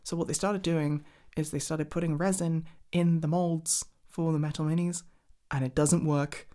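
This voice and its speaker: A woman whose mellow voice sits low rambles in an ASMR chat at normal speed with a steady tone. She's a hobby creator, keen and foul-mouthed, drifting hesitantly from point to point.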